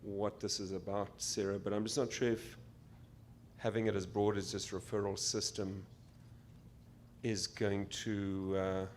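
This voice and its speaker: Low-voiced hesitant doctor. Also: male voice, little pitch movement, measured pace, a little mellow, a little hiss or hum. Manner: hesitant, with fillers and repeats. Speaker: physician delegate. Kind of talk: assembly floor speech.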